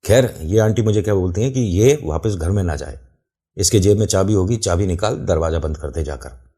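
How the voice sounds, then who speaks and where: A man's voice: sits low, moderate pace, mellow, breathy edge. A man telling a true-style horror story in casual first person. He talks to the listener directly and explains the scene as he goes.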